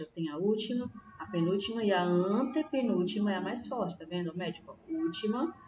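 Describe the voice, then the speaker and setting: A woman with a Brazilian Portuguese accent teaches a primary school class online, patiently explaining and checking in with pupils through frequent tag questions. Her voice is medium-pitched and dark. The audio is roomy, distant and dull lo-fi with a faint hiss.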